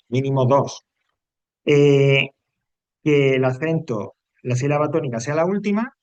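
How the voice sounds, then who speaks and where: The teacher's voice is medium in pitch and a little mellow, with no echo and a dry, close sound. During a classroom grammar lesson, this male English teacher explains step by step, repeats rules patiently, and checks understanding with "¿vale?".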